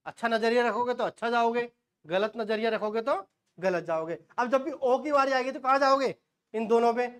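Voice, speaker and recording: Quizzing teacher with homely asides. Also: male voice, very high-pitched, fairly bright tone, clear, resonant tone. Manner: quizzing, asks and answers his own questions. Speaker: shorthand teacher. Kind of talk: classroom lecture.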